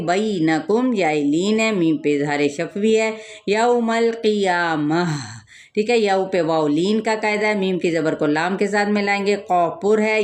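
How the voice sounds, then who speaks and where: Lady teaching tajweed step by step, says the word slow n stretched then explains, asks herself questions. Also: mid-range voice. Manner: explains rules, then recites words slowly and drawn out; asks and answers her own questions. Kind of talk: step-by-step recitation lesson.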